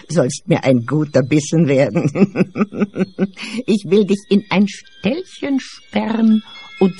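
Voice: mid-range voice, measured pace, warm tone, breathy edge. An actor playing a wicked old child-eating witch in a radio play, cackling, sneering and barking orders. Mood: gloating.

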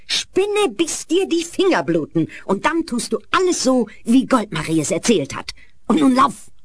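A woman's voice: on the high side, very animated, normal speed, husky, dry recording, heavily acted. A woman playing a scheming, commanding mother in a children's fairy-tale radio play. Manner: commanding, scornful.

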